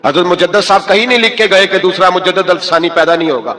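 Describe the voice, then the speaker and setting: A man's voice: high voice, crowd noise. A man preaching an impassioned sermon, firing rhetorical questions at his listeners and alternating between scolding and pleading. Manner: fires rhetorical questions at the audience. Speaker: Islamic preacher.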